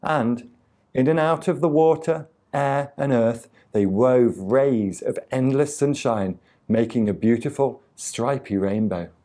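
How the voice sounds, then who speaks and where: With a relaxed, mellow, mid-range voice, a male storyteller reads a picture book aloud to children. He takes his time over each phrase, reading deliberately and expressively at storytime and acting out sound effects.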